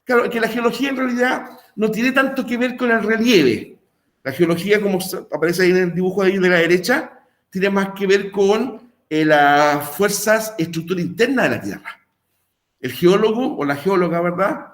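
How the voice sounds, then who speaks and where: A man's voice: sits high, normal speed. A man teaching an online class, rambling and checking in with his students with lots of fillers. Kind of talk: recorded online class explanation.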